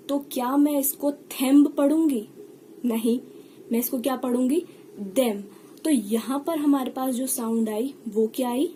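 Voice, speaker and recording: A woman's voice: high voice, mellow, slight background noise, rough recording. A woman teaching shorthand step by step, patiently explaining and asking and answering her own questions. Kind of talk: classroom lesson at a whiteboard or page.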